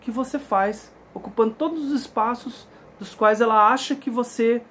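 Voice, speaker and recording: A man's voice: very high voice, normal speed, fairly bright tone. A Brazilian man speaking earnestly to camera about his own experience as a father, often checking in with his listeners. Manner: emphatic, earnest, frequent tag questions. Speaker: father sharing his story. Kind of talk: casual spoken testimony to camera.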